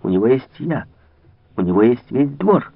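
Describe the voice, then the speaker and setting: A man reading the lines of a proud, quick-tempered young princess at a royal court, in an old radio reading. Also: lowish voice, animated, no room sound. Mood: haughty. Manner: haughty, then pleading. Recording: tinny old radio broadcast.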